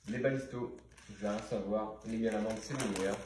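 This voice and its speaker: A man's voice: fairly low pitch, steady tone, brisk, heavy background noise. Playful man in a very echoey room. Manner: playful, jokes and sing-song repetitions. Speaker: vlogger. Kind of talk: casual grocery haul commentary.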